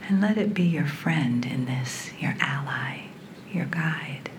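Low, soft, whispery woman guiding meditation. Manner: soft, breathy, soothing half-whisper; slow, with long pauses between short phrases. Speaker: guided meditation leader. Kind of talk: guided meditation. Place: in a room with a group. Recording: clearly noisy recording with low rumble.

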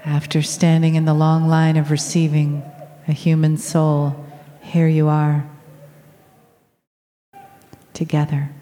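A woman leading a guided meditation in a soft, soothing, unhurried manner with long pauses, recorded in a reverberant room. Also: deep voice. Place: large room with people present. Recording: reverberant hall.

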